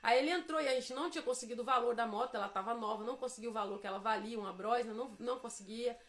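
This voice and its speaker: High-voiced Brazilian woman giving testimony. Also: rapid-fire, a bit bright. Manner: emphatic storytelling, acts out quoted dialogue. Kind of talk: devotional testimony talk.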